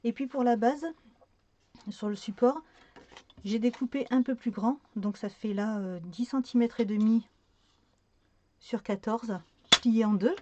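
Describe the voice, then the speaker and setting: A woman's voice: on the high side, a little slow, long pauses, dark tone, dull audio, a little hiss or hum. A woman talking through a card-making tutorial in a casual, hesitant way, with many fillers and self-corrections.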